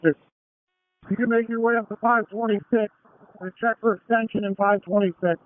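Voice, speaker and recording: A man's voice: high-pitched, fairly even intonation, moderate pace, phone-quality sound. A man working as a fire commander, giving clipped, procedural calls over fireground radio. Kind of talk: emergency radio traffic. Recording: noisy fireground radio, engines idling.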